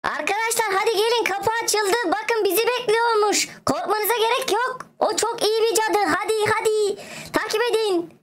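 A woman voicing a gentle beggar boy who quietly reassures his friends. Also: very high-pitched, normal speed, crowd noise. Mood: reassuring. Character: gentle soft-spoken beggar boy guide.

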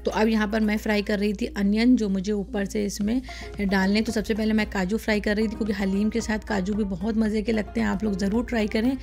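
Over soft background music, a cooking channel host narrates a casual demonstration, chatting through every recipe step with plenty of fillers. Her medium-pitched voice is gravelly and darkish, fairly quick, and flat in delivery.

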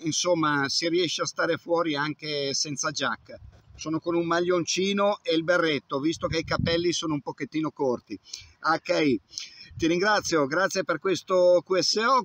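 His voice fairly high and bright on a dry recording, an amateur radio operator in his fifties mutters step by step through a casual hands-on demo. He's out in an open grassy field, filmed by a camera held about arm's length away.

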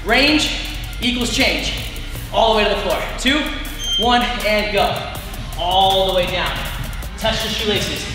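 Male fitness coach, barking and energetic, motivational workout commands over music in a very reverberant gym. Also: high-pitched. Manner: energetic, exerting while demonstrating exercises. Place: large indoor training gym with turf floor. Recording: echoey gym hall, music behind.

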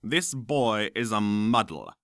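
A man voicing a sneering, spitting male potions professor in a storybook reading, drawing his words out in a low snarl. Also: expressive, a bit bright, dry recording, studio quality, exaggerated voice. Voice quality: slow, snarling.

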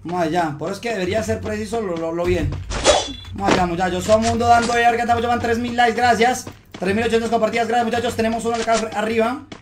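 A man streaming live gameplay, chatting to viewers and muttering to calm himself down during fights. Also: high voice, very fast, background noise. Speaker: gaming streamer.

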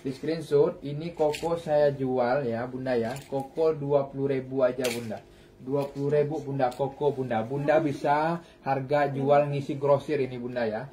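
A thirtysomething man runs a live online clothing sale from a shop, captured on his phone, calling out repetitive hawker-like lines. He speaks at normal speed in a steady, warm, mid-range voice.

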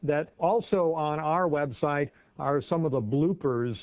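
Male news reporter, fifties, slightly high voice, office newsroom, lo-fi TV audio. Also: no room sound. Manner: brisk, measured reporter delivery. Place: office newsroom with desks and computers.

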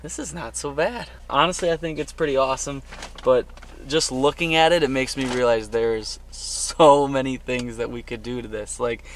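Over a noisy background, a young man with a mid-range voice talks at normal speed with fairly even intonation. He's a camping vlogger filming a friendly, upbeat vlog outdoors from his campsite and truck bed tent, using a camera mic.

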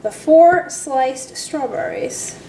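Slow-spoken woman demonstrating a cheap recipe. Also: high voice, lively intonation. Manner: chatty, addresses viewers as guys. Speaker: cooking channel host. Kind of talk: step-by-step cooking demonstration. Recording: echoey room with faint background noise.

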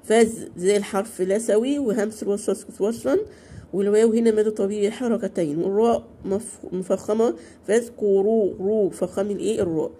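A woman with an Egyptian Arabic accent teaching Quran recitation to beginners. She recites slowly and drawn out, then explains quickly, asking questions and answering them herself. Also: medium pitch, warm tone, breathy edge. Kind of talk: beginner tajweed lesson.

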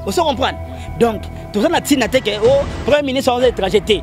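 A man being interviewed outdoors, giving animated, opinionated answers and sometimes breaking into song. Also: very high voice, fast, music in the background. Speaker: guest. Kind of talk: casual interview talk. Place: outdoors against a concrete wall. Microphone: handheld microphone held by the host.

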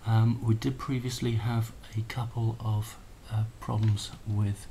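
Demoing a hardware prototype, a man talks casually and off the cuff, hesitating and thinking aloud. His voice is on the low side, flat, measured and dark. It's a noisy handheld camera recording, picked up on the camera mic, with clicks.

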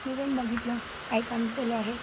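High-voiced woman vlogging her village. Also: level tone, moderate pace. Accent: Konkan Marathi. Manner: chatty, addresses viewers directly. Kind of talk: casual walking vlog narration. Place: outdoors around a village house with forest, in rain. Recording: noisy outdoor ambience.

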